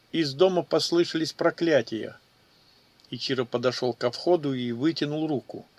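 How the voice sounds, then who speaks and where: Man, audiobook narrator, fantasy fiction, steady reading, slightly high voice.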